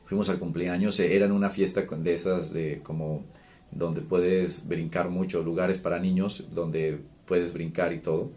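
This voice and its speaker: A man with a deep, low voice speaks as a psychologist about raising children. He talks calmly and explains things step by step, often restarting his phrases and pausing on fillers. He sounds like he is in his thirties. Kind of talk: talking to camera about parenting.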